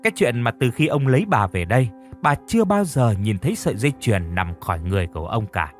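A man narrating a horror story in a dramatic, expressive storytelling manner. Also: medium pitch, quick pace, faint music behind.

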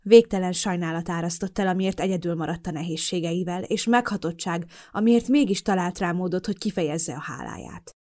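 Low-voiced woman narrating an audiobook. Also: few pauses, warm tone. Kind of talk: first-person audiobook narration.

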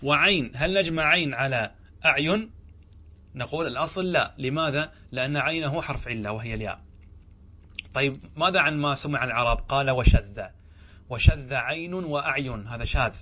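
A man teaching Arabic grammar in a lecture, often asking his students whether the point is clear. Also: medium pitch, bright, forceful tone. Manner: checks understanding with frequent questions to students; reads the verse slowly, then explains it. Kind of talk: explanatory lecture.

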